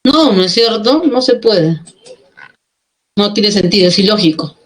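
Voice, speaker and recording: A woman teaching a grammar lesson who explains step by step and keeps checking in with quick questions. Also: mid-range voice, animated. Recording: echoey room.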